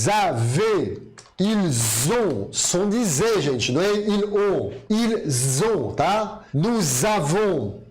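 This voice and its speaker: A native French-speaking man teaching a French grammar lesson, lively and drilling pronunciation with his learners. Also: sits high. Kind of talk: online language lesson.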